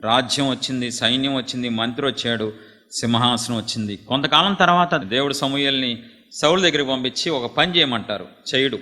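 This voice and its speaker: A male pastor preaching a sermon with dramatic swings from hushed to loud and high, in a large meeting hall. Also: a little fast. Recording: echoey hall reverb.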